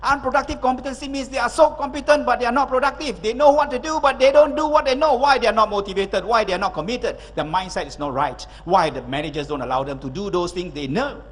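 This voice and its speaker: Energetic high-voiced man speaking. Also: quick pace, few pauses, big-room sound. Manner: energetic, emphatic, rhetorical questions. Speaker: motivational speaker and consultant. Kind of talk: public speech.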